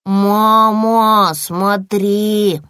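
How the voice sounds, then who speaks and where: A woman's voice: a little high, slow, no echo, clean studio sound, pitched above the performer's own voice. A woman voicing a curious little boy polar bear cub in a storybook, eager and calling out.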